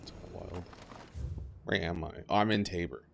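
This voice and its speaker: A man's voice: sits low, normal speed, gravelly, background noise. A man streaming a game, chatting casually and profanely with his viewers into a mic just below his mouth. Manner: rambling and profane, talks to his chat. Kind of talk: casual live-stream chat. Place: home streaming setup.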